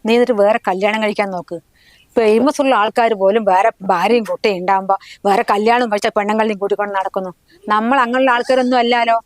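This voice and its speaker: A woman's voice: medium pitch, fairly even intonation, fast talker, dry recording, close to an everyday voice. A middle-aged woman playing a nagging mother-in-law who scolds harshly in a family short film. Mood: scolding.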